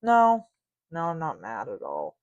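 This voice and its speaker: A man's voice: on the high side, huge pitch swings, a little slow, no echo, dull audio. Rambling teenage boy telling a story. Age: teens. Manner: rambling, full of fillers and restarts; loses track mid-story. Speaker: podcast host. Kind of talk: casual storytelling.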